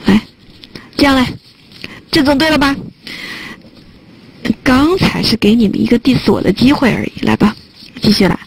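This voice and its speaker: A woman's voice: a little high, expressive, brisk, creaky, a little mellow, breathy edge, rough recording. A woman teaching a test prep listening class online, chatting and joking as she types notes on a whiteboard. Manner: chatty, joking aside while typing on a whiteboard.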